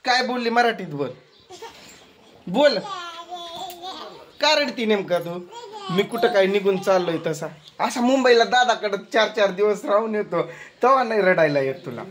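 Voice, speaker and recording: A man's voice: high-pitched, expressive, moderate pace, pauses often. A man, chatting at home in a family vlog and teasing and scolding in turns. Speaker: family vlogger. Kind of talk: casual family chat on camera.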